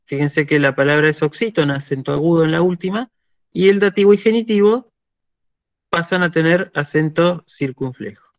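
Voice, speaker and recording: A man's voice: on the high side, normal speed, dry recording, lo-fi sound. A man with an Argentine Spanish accent, teaching a university lecture and often checking in with "¿sí?" while he thinks aloud.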